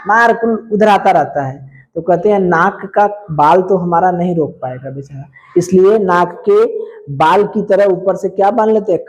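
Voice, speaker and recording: A man's voice: high voice, darkish tone. Man teaching science. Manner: asks rhetorical questions and answers them himself; homely, colloquial explaining with everyday examples. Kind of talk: explaining a school lesson.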